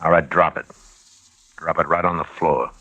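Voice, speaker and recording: A man playing an unflinching frontier marshal, calm, terse and commanding, in an old radio western. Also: extremely low pitch, moderate pace, muffled recording, heavily acted. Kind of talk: 1950s radio western acting.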